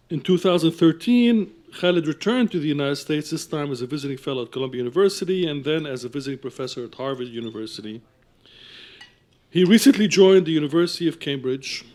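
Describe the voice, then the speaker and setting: A man with a mid-range, darkish voice introduces himself formally as an academic programme's director, speaking in a measured way, partly reading from text and frequently clearing his throat.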